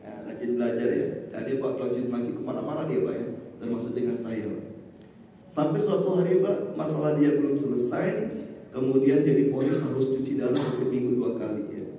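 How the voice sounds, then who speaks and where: A man's voice: mid-range voice, brisk, mellow. A male ustadz preaching to a mosque congregation, telling stories and addressing listeners with frequent "Pak, ya" asides. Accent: Indonesian. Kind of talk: mosque study sermon. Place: mosque hall. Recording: echoey hall from far off, faint noise.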